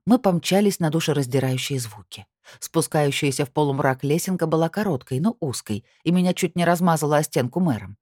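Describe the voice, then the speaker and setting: A woman's voice: low-pitched, warm tone, no room sound, clean studio sound. A woman narrating an audiobook in the first person, telling the story expressively.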